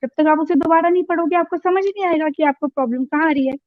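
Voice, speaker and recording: High-voiced stern woman teacher. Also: fast talker. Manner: stern, mixes Hindi and English. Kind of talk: classroom teaching. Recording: dull lo-fi sound.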